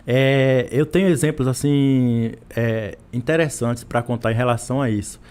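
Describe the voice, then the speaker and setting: A man's voice: medium pitch, steady tone, moderate pace, darkish tone, clear, resonant tone. A man from Brazil, a literature professor, talking as a guest in a podcast interview, full of restarts and repeated words.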